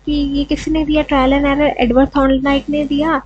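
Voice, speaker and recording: A woman's voice: high voice, little pitch movement, normal speed, a little mellow, no echo, highs cut off. A woman teaching an education lesson, explaining step by step and often checking in with "okay". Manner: mixes English terms, repeats "ठीक है" often.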